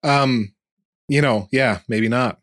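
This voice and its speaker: A man's voice: mid-range voice, takes it slowly, fairly bright tone, dry recording, studio quality. A man on a tech podcast panel, talking casually and making his points with rhetorical questions. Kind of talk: casual opinionated tech discussion.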